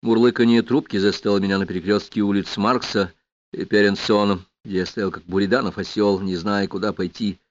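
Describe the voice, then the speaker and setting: A man reading a novel aloud in a measured, dramatic first-person narration, in a dry, slightly muffled recording. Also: fairly low pitch, fairly even intonation, no echo. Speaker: audiobook narrator.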